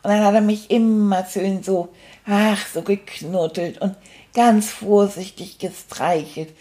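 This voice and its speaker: A woman's voice: mid-range voice, fairly even intonation, slow pace, warm tone, lightly acted. A woman voicing a cheerful, cheeky male stuffed toy rat, retelling events in a chatty, rambling, fond way. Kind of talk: first-person storytelling.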